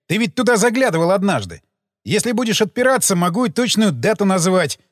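A man's voice: sits high, big pitch swings, fairly quick, no room sound, clean studio sound, voice pushed up. A man reading an audiobook, voicing a sardonic male police major who speaks in a mocking, menacing way.

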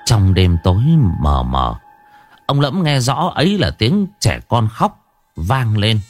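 A man's voice: on the low side, huge pitch swings, takes it slowly, soft background music. A man narrating a ghost story in the first person, dramatic and vivid.

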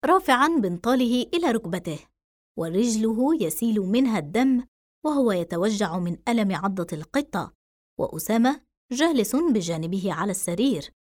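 A woman narrating a novel in steady, measured scripted reading. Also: fairly high pitch, no room sound, studio quality. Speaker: audiobook narrator.

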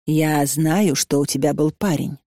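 A woman voicing a calm, persuasive old matchmaker woman who speaks gently and patiently. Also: medium pitch, a little slow, dry recording, clean studio sound. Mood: coaxing.

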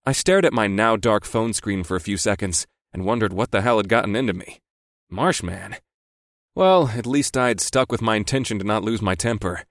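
Low-voiced wry male narrator. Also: fairly quick, few pauses, no echo, studio quality. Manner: wry, sardonic. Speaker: audiobook narrator. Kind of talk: first-person story narration.

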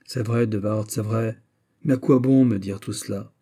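A man's voice: on the low side, fairly even intonation, normal speed, mellow. A man voicing a lovesick young count who is uneasy and troubled.

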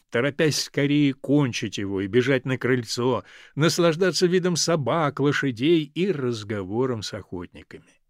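Man reading a story with lively intonation. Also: mid-range voice, no echo, studio quality. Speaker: audiobook narrator. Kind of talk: scripted literary narration.

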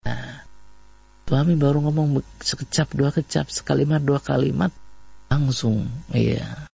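Indonesian male preacher, husky and gravelly tone, dull lo-fi recording. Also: medium pitch, unhurried. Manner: repetitive, animated storytelling with acted quotes. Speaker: Islamic preacher. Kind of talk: radio-style sermon on marriage.

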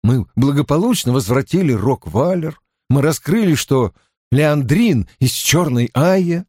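A man voicing an earnest, anxious young woman, a novice confined to a small cell, in a hushed, pleading way. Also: on the high side, expressive, a little slow, husky, no room sound, studio quality, voice pushed up. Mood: indignant.

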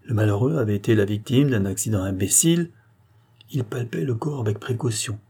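Male audiobook narrator, mellow and slightly husky, measured delivery. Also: fairly low pitch. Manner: measured, unhurried reading with raised acted dialogue. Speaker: audiobook reader. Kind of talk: scripted narration.

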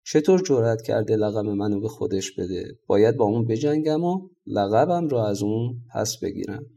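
Storybook river monster, male, proud and boastful, read by a man, mellow dark tone. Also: fairly low pitch, animated, creaky. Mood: indignant.

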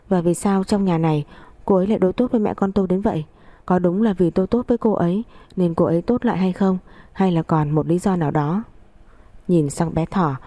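A woman reads a family story in the first person, steady and reflective. Her voice is low and dark. The sound is dry and close. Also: no room sound. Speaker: story narrator.

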